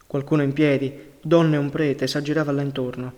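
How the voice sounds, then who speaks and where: A man's voice: on the high side, level tone, brisk, a little mellow. Grave Italian-reading man, reverberant. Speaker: audiobook reader. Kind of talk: reading a novel aloud.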